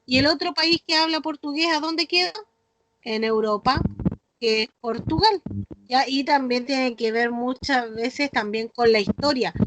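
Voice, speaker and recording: A woman's voice: sits high, measured pace. A woman with a Chilean accent teaching an online class to children, explaining patiently and often checking in with the class. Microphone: video call. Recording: noisy video call.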